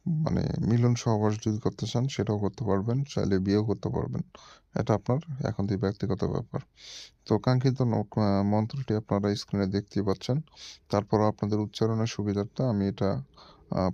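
Low, mellow-voiced man explaining slowly. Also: no room sound. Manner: patient, repetitive explaining with frequent hesitations. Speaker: channel host teaching mantras. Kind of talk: instructional monologue. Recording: dull, dry lo-fi recording.

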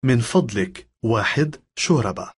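A man, reading lesson phrases in a measured, careful way. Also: medium pitch, expressive, breathy edge. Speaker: language lesson speaker.

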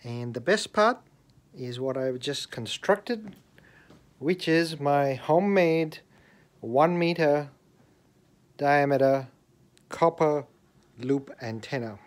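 A man from Australia with a fairly high voice gives a relaxed, deliberate hands-on walkthrough of his homemade antenna as a radio hobbyist. He films the casual video demonstration in his bedroom with a handheld camera held in his own hand.

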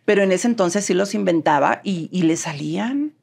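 A woman with a low, creaky, husky voice speaks at normal speed. Appearing as an interview guest, this Mexican woman has a neutral accent and narrates her story with energy, acting out the quoted dialogue.

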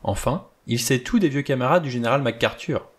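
A man reading aloud and voicing an old male judge who speaks in a small, crisp voice, measured and cold, choosing each word with care. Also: medium pitch, lightly acted. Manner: measured, choosing words carefully.

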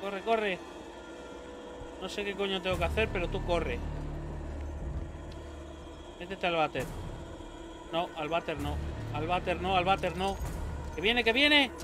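A man commenting on a horror game, joking, swearing often and shouting when scared. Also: sits high, fairly even intonation, measured pace, pauses often. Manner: swears a lot, jokey, yells when scared. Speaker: gaming youtuber. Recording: game music behind the voice.

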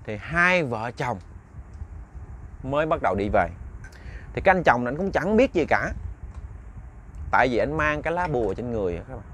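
A man's voice: medium pitch, sing-song, moderate pace, long pauses, a bit bright, a little hiss or hum. A man with a Southern Vietnamese accent telling a ghost story, chatty and talking straight to his listeners. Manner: chatty, addresses listeners directly.

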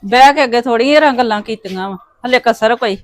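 A woman's voice: fairly high pitch, fast talker. A woman in a family drama, playing a mother who angrily accuses a visitor. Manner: indignant, accusing. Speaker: mother of the hospitalised daughter. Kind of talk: scripted village family drama.

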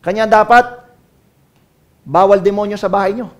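A man from the Philippines preaching a sermon as pastor, mixing English into his talk and calling on the congregation to answer. He swings between loud calls and low, quiet asides. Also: fairly even intonation, moderate pace.

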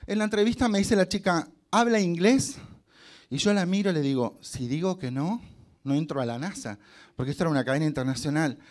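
Argentine man, middle-aged, fairly high voice, motivational speaker, funny anecdotes, acts out quotes. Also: darkish tone. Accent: Argentine Spanish. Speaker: guest speaker. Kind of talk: motivational storytelling talk.

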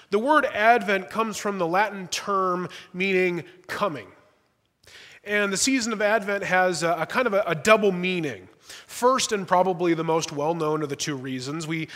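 A young man serves as pastor, preaching a sermon in a high-pitched, pushed, bright voice. He keeps it conversational with light humor and small restarts, and the large church sanctuary gives the recording a long reverb.

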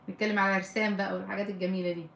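A woman's voice: mid-range voice, expressive, rapid-fire, vocal fry, fairly bright tone, reverberant, a little hiss or hum. A middle-aged woman with an Egyptian Arabic accent, a family counselor hosting a live stream, reading viewer comments and giving firm, emphatic advice.

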